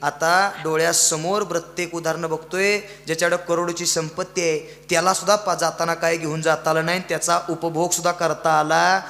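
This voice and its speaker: Brief: male kirtan preacher from Maharashtra, bright and forceful tone, long hall reverb, rousing the crowd. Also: a little high, little pitch movement, moderate pace, few pauses. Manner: exhorting, calls on the audience to answer. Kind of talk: devotional sermon with storytelling.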